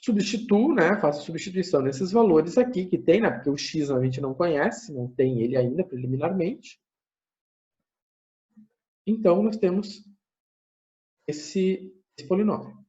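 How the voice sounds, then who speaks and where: A man giving a math lecture, thinking aloud step by step, often checking in with a quick tag question and correcting himself as he goes. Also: fairly high pitch, warm tone. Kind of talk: recorded classroom lecture. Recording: muffled lo-fi recording.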